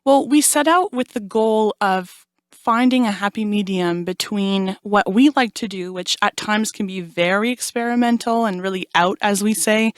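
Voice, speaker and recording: A woman's voice: mid-range voice, clear, resonant tone, no echo, studio quality. A young woman, a jazz vocalist, telling stories in an interview and acting out the quotes she tells. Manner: animated storyteller, acts out quotes. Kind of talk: casual interview chat.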